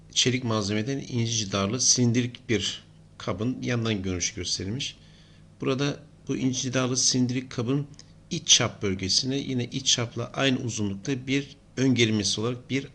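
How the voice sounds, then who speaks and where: A man's voice: mid-range voice, a bit bright, a little hiss or hum. A middle-aged man giving an engineering lesson, explaining steadily and thinking aloud as he writes. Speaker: engineering lecturer. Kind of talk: whiteboard lesson.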